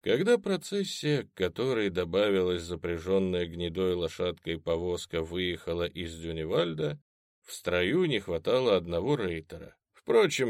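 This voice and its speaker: A man narrating an audiobook in an even storytelling read on a close mic. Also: deep voice, no echo. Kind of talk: scripted narration.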